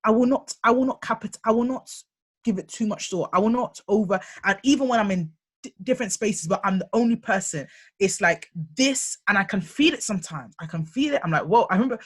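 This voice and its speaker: A young woman co-hosting a candid discussion podcast, talking in halting bursts with many restarts as she searches for words. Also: mid-range voice, husky. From United Kingdom. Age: young adult. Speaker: podcast co-host.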